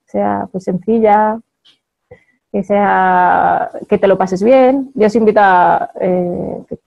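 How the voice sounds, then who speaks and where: A woman's voice: medium pitch, fairly even intonation, slow pace, creaky, muffled recording. A woman with a Spain Spanish accent giving a chatty motivational talk to an audience, laughing often and checking in with her listeners.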